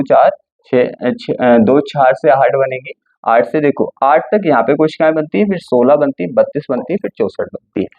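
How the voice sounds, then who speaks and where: A man's voice: on the high side, dry recording, muffled recording. A male teacher going through a textbook line by line, often asking a question and answering it himself.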